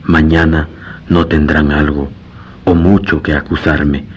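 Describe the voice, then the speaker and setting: A man's voice: very deep voice, level tone, measured pace, slight background noise. A man playing a grave, world-weary lawyer in a radio drama, formal and brooding. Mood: grave, troubled. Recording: dull lo-fi radio recording.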